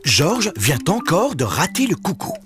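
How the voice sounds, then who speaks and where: A man narrating a French children's cartoon as a calm storyteller. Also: fairly high pitch, measured pace, very noisy. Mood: storytelling. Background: music.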